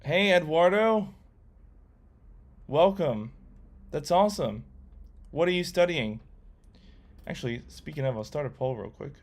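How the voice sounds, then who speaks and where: Reading viewer comments aloud on his coding livestream, a young man learning to program rambles in a relaxed way, peppering his talk with ums and uhs. His fairly high voice moves at a measured pace with long pauses.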